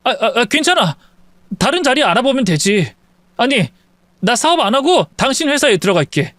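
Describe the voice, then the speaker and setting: A man's voice: very high-pitched, sing-song, moderate pace, a bit bright, dry recording, voice pushed up, heavily acted. A man playing a groveling, lying young husband. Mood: pleading. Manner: pleading, stammering excuses.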